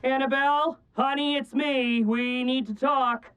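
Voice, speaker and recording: An actor playing an earnest, easily provoked, combative husband in an adult cartoon. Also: male voice, very high voice, steady tone, unhurried, over loud music. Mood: sheepish.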